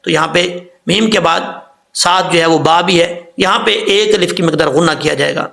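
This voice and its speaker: Using a high-pitched, creaky voice with a sharp tone, a Pakistani-accented man gives quick explanations while teaching Quran recitation. When he recites words or spells them, he stretches them out slowly.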